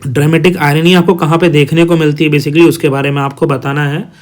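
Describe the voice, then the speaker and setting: Man, exam tutor, slightly high voice, reads options then gives answers. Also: flat delivery, fairly quick. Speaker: teacher. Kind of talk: exam quiz walkthrough.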